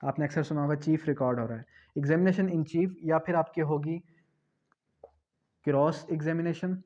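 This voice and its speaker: This man's voice sits on the high side, warm in tone and at a normal speed, as he teaches law to students preparing for an exam. He poses rhetorical questions and circles back to repeat the main points. Sound quality is dull and lo-fi.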